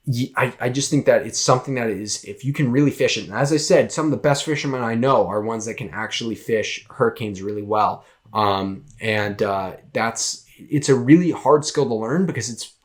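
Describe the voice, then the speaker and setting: A young man with a Massachusetts accent hosting a casual solo podcast, rambling with many fillers and restarts. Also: medium pitch. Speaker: podcast host.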